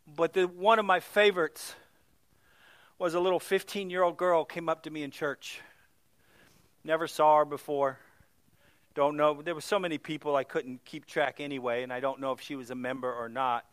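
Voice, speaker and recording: A middle-aged male pastor telling stories in a sermon, swinging from loud exclamations to hushed, near-whispered moments. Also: on the high side, flat delivery, moderate pace, dry recording.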